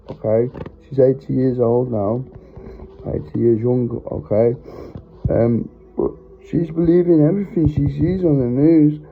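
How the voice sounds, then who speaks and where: A man's voice: medium pitch, creaky. A middle-aged man giving an earnest, rambling preaching monologue into his phone, heartfelt and often stopping to apologize. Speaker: religious vlogger. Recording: tinny phone-line sound.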